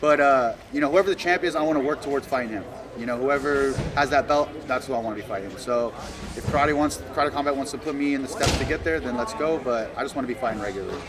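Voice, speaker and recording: A man giving a casual post-fight interview as a fighter, confident and slangy, with halting, repeated words. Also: mid-range voice. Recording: loud crowd chatter behind. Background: busy crowd talking nearby.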